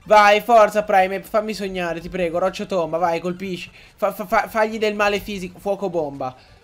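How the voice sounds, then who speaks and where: Excitable high-voiced young gamer. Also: male voice, moderate pace. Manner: excitable, swearing, frequent outbursts at the game. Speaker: gaming YouTuber. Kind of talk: Let's Play commentary.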